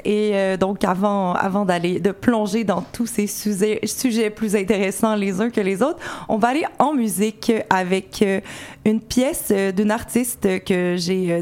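A woman's voice: medium pitch, darkish tone. A woman hosting a live radio show from a studio, talking casually with many hesitations. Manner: hesitant, many "euh" fillers, laughs easily. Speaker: radio host. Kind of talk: live campus radio chat.

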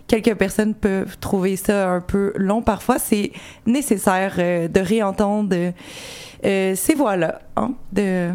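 A woman hosts a live radio arts show from the studio. She talks casually and loosely, filling her pauses with hesitations. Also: medium pitch, fairly even intonation, a little mellow. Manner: hesitant, many "euh" fillers, laughs easily. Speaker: radio host. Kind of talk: live campus radio chat.

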